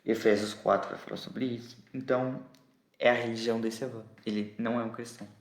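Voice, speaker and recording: Speaking fairly quickly in a level tone at medium pitch, a Brazilian Portuguese-accented preacher works through a scripture passage in an expository sermon. The room is reverberant, and he frequently asks "entendeu?" to make sure listeners understand.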